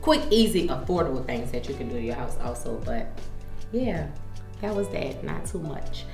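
A woman's voice: extremely low pitch, sing-song, normal speed, gravelly. A woman, chatting loosely with lots of fillers while walking through her house. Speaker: home vlogger. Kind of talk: casual home tour. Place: large house hallways, indoors. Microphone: handheld camera following her. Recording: echoey hallways, faint music.

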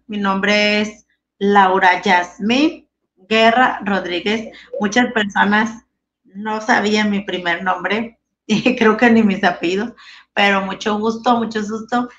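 A giggly, hesitant woman in her thirties from Monterrey, Mexico, speaks with a northern Mexican accent and many fillers as a guest in a casual video-call interview. Her voice is medium-pitched and a bit bright, and the webcam audio from her small indoor room is dull and lo-fi, with slight background noise.

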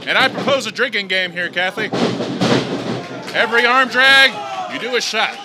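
A man doing excited play-by-play as a lucha libre announcer, calling moves and exclaiming. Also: high voice, fast. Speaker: lucha libre match commentator. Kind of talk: excited play-by-play wrestling commentary. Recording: noisy hall recording with loud crowd. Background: loud wrestling crowd.

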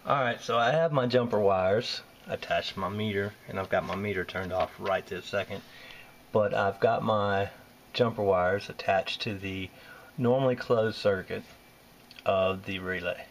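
This hands-on repair walkthrough features a Southern-accented HVAC technician with a fairly low voice, speaking at a measured pace and filling pauses with lots of "uh" as he details furnace wiring indoors in a basement or utility space. The handheld camera capturing the close-up work gives audio with clipped highs and a little hiss or hum.

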